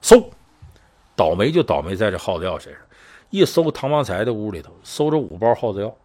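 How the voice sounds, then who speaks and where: A man's voice: lowish voice, a little fast. A man telling a true crime tale in casual talk, acting out the voices of the people in it. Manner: lively, conversational, acts out voices in the story. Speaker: storyteller. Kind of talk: casual spoken storytelling of a true crime case.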